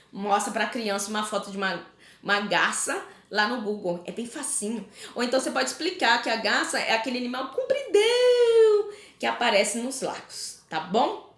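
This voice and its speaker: Chatty Brazilian teacher in an echoey room. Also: female voice, fairly high pitch, a bit bright. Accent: Brazilian Portuguese. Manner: chatty, frequent tag questions. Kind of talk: explaining homework to parents.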